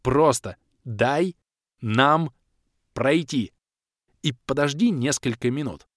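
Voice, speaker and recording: A man's voice: medium pitch, takes it slowly, no echo, studio quality, pitched above the performer's own voice, close to an everyday voice. A man voicing a cocky young male rogue who bargains in a brash, mocking, pushy way, in an audiobook reading.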